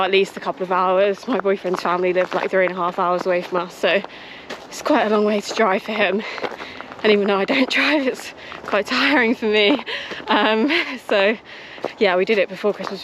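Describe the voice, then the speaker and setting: A young British woman chatting casually to camera while out on a run outdoors. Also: medium pitch. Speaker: running vlogger. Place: outdoors on a frosty countryside trail. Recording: noisy outdoor audio with clicks.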